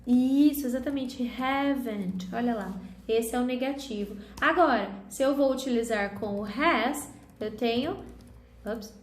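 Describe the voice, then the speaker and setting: A woman's voice: a little high, unhurried. A woman with a Brazilian accent teaching an English grammar class online, patiently explaining each step and checking in with her students. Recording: echoey room with faint background noise.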